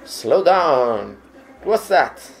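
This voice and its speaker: A woman's voice: low-pitched, very animated, drawn-out words, gravelly, over music. A woman with an Italian accent giving casual reaction commentary, sarcastic and mock-horrified, often exclaiming. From Italy. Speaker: reaction video host, pizza chef.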